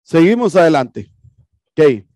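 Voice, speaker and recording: Taking his time, with big swings in pitch, a man with a slightly high, darkish voice teaches HVAC by explaining a projected video in class. He keeps it casual, repeats himself and asks rhetorical questions; the sound is clean, with no echo.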